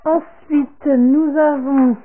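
Woman vlogger, casual unboxing talk to camera, halting, thin phone-line sound. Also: high voice, steady tone, slight background noise. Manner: slow and halting, repeats "comme ceci" and "voilà", trails off softly. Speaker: vlogger showing a product order.

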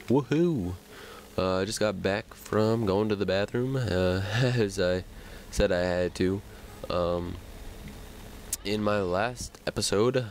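A man narrates his video game session in a loose, rambling way, full of ums and uhs. His voice sits on the low side and his nose sounds a bit stuffy. He talks at an unhurried, dragging pace. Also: a little hiss or hum, poor audio. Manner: rambling, self-chatting, many fillers. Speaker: gaming commentator. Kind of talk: let's play commentary.

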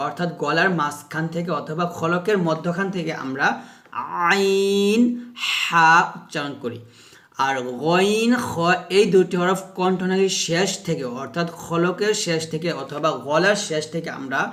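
A man with a fairly high voice teaches letter pronunciation in a slow, patient way. He says each point more than once and stops to sound out single letters as examples. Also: a bit bright. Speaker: Quran recitation teacher. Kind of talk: explaining Arabic letter pronunciation.

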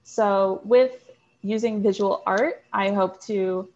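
A woman's voice: mid-range voice, fairly even intonation, slow, a little mellow, dull audio. A young woman in her twenties, a student guest, giving earnest answers with frequent hesitations over a video call. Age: 20s. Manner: earnest, explains with many "um"s. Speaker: guest, marine biology student. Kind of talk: interview answers.

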